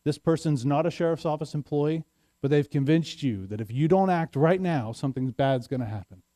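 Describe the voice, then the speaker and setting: A man gives a community talk in a lively, chatty way, checking in with the audience as he goes. His voice sits on the higher side and sounds dark and mellow. The sound is dry and close. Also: a little fast, dry recording. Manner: conversational, asks the audience "right?". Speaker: sheriff's office speaker. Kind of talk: community presentation.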